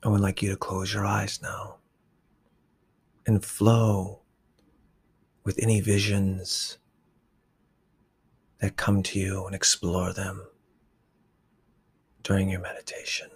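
Male meditation guide, very breathy and husky, low flat delivery, half-whispered. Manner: slow, soft, often whispered instructions.

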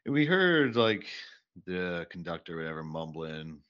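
A man's voice: deep voice, sing-song, measured pace. A man, co-hosting a casual podcast and telling a profane, exasperated story. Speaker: podcast co-host. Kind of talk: casual chat. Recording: dull lo-fi podcast mic.

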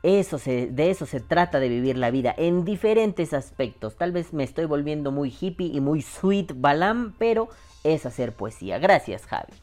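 Animated, foul-mouthed Mexican man hosting a podcast. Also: fairly high pitch, moderate pace, faint music behind. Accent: Mexican Spanish. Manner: joking, profane, animated. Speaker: podcast host. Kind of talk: casual podcast chat reading listener comments. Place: home room.

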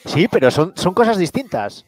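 A man with a Spain Spanish accent, hosting a podcast with quick, joking banter. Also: high-pitched, very animated. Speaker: podcast host. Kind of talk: casual chat.

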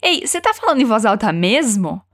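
A woman teaching English, encouraging learners and slowing down to model each phrase for them to repeat. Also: fairly high pitch, very animated, fairly bright tone. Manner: encouraging, slows down to model pronunciation. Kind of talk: language lesson with repeat-after-me drills.

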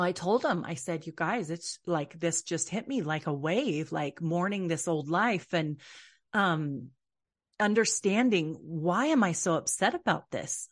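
A woman in her forties talking frankly to listeners about single motherhood, in an earnest, confiding manner. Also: lowish voice. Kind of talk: personal advice talk.

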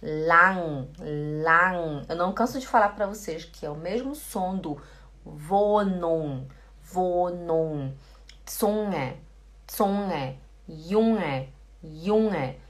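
A woman's voice: lowish voice, fairly bright tone. A Portuguese-speaking woman teaching German pronunciation, repeating each word again and again. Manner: slow, repeats words many times. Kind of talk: pronunciation lesson.

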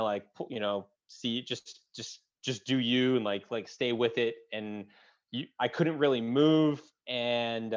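A man in his thirties tells his story as an interview guest. He speaks in a halting, unpolished way, full of fillers and restarts, and his voice goes quiet at hard moments. The sound is dull and slightly lo-fi. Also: mid-range voice. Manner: halting, many restarts and fillers, drops to a quiet tone at emotional points. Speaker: guest, combat-wounded veteran.

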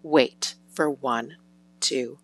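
A woman leading a guided breathing exercise, counting out each breath slowly and at a measured, even rhythm. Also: very deep voice, slightly rough, dry recording.

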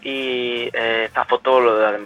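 A man's voice: medium pitch, flat delivery, takes it slowly, dull audio, soft background music. A young man, telling stories as a guest in a casual chat, with frequent restarts and self-corrections. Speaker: guest cosplayer. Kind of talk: casual storytelling.

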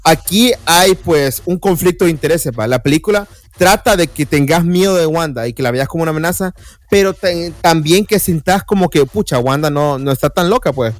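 A man with a brisk voice on the high side co-hosts a podcast, casually discussing a film. He is explanatory and argues his points at length.

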